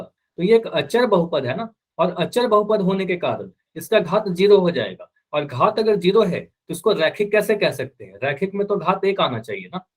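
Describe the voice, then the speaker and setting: A man teaching math in a live online class, asking students questions over and over and voicing their answers back. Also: sits high.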